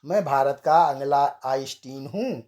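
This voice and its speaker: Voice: medium pitch, a little slow, darkish tone, close to an everyday voice. A storyteller voicing a cheerful, boastful village inventor man who is always sure of his silly ideas.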